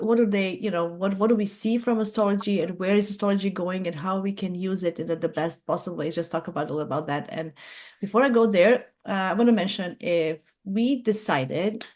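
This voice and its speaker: A middle-aged Croatian woman hosts a relaxed group video call about astrology, speaking haltingly and filling pauses with fillers and restarts as she hunts for words. Her voice sits in the mid range and is slightly mellow.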